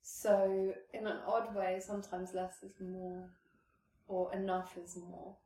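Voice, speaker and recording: A woman chats casually in a mellow, mid-range voice. She sounds like she is in an echoey room, a little away from the microphone. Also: medium pitch, flat delivery, takes it slowly. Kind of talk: casual conversational chat. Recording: roomy, distant mic with background noise.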